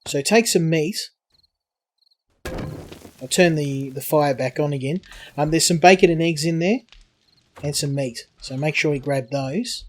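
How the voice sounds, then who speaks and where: A man narrating his own co-op survival play in a relaxed, rambling way. He sits a little high for a male voice and keeps restarting his sentences as he thinks aloud. It sounds like easygoing gaming chat between friends. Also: a little slow, pauses often. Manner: rambling, restarts often, chatty. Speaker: game channel host. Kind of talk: casual co-op gameplay chat.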